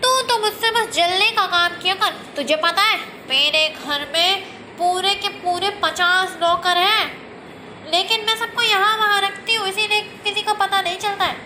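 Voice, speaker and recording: A woman's voice: extremely high pitch, moderate pace, pushed and bright. A woman playing a whiny, jealous young girl. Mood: boastful. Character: jealous young girl, boastful, later remorseful. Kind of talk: homemade family skit. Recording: noisy home recording.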